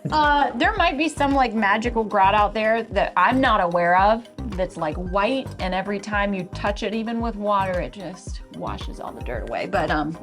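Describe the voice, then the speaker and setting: A woman's voice: mid-range voice, expressive, normal speed, few pauses, over music. A woman co-hosting a home renovation video, talking candidly in casual chat and laughing easily at herself. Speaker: co-host of a home renovation channel.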